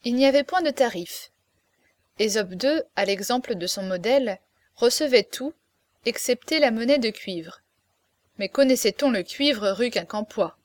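A woman reads a classic novel aloud with lively, expressive storytelling. Her voice sits a little higher than most. The sound is dry and close, with no room echo. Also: unhurried. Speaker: narrator. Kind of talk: audiobook reading of a classic novel.

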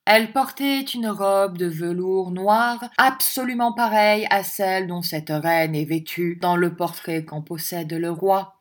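A woman voicing a pale, eloquent provincial lawyer who recounts a strange supper in a grave, measured tone, read as part of an audiobook. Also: on the low side, lightly acted.

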